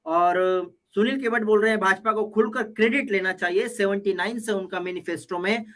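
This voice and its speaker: A man with a high, bright voice reads viewer comments aloud on a live political panel. He moves quickly from one comment to the next and answers the other side with joking comebacks.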